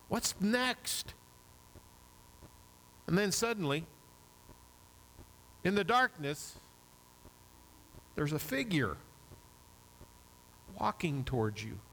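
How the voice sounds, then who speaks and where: A man's voice: sits high, vocal fry, a bit bright, a little hiss or hum, low-quality recording. A man preaching a sermon, retelling a Bible story vividly in the second person.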